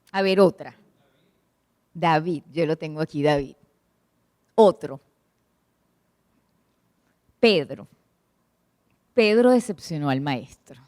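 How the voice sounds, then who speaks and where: A woman's voice: low-pitched, a little mellow, no room sound, clean studio sound. A woman preaching to a church congregation, asking them questions and retelling stories expressively. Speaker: church speaker at a prayer meeting.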